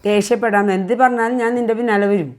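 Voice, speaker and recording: A woman's voice: medium pitch, fairly even intonation, fast talker, a little mellow. A middle-aged woman speaking as a mother in a casual family vlog, lecturing earnestly and repeating her points. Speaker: mother vlogger.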